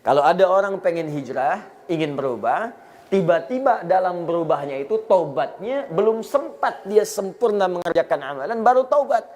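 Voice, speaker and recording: Man preaching a lively sermon. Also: sits high, moderate pace. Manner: storytelling with acted quotes, rising to emphatic peaks.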